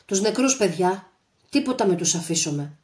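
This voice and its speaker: A fierce male captain barks orders in the middle of a firefight, as a woman reads him aloud. His voice sits well above the reader's usual low tone and rings loud and urgent, an audiobook commander driving his men forward. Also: expressive, natural voice. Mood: rallying shouts. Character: commanding male Greek army captain in battle.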